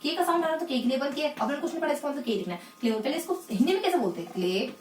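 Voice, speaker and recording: A woman teaching English phonetics in a lesson, asking the class questions and answering them herself, and repeating key words slowly. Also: high voice, animated, a little mellow, echoey room, recorded from a distance, slight background noise. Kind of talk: explanatory lesson in Hindi.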